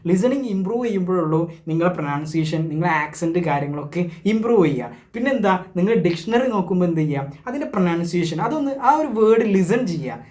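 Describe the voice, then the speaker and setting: A man with a Malayali accent gives a lively spoken lesson on English pronunciation. His voice sits high and the words come quickly. He keeps asking and answering his own questions and drops English words into his sentences.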